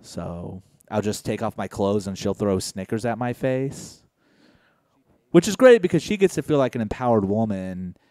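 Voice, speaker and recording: A young man from Indiana doing a stand-up set on a comedy club stage, deadpan and low-key with sudden loud outbursts. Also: moderate pace, dry recording, clean studio sound.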